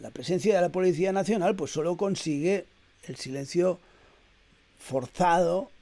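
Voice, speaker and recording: A middle-aged man delivering a reflective spoken essay in a measured, hesitant way, with frequent "eh" fillers and repeated words. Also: high-pitched, gravelly, warm tone. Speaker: essayist reading his own text.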